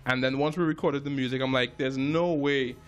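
Man in his thirties, guest musician; halting, self-correcting delivery, mid-range voice, faint music behind. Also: medium pitch, fairly even intonation, dull audio. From Trinidad and Tobago. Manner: halting, many restarts and repeated words. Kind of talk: casual interview chat.

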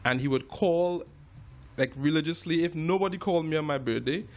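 A man's voice: fairly high pitch, a little fast, faint music behind. A man, a jazz musician talking casually as an interview guest, often restarting and repeating words. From Trinidad and Tobago.

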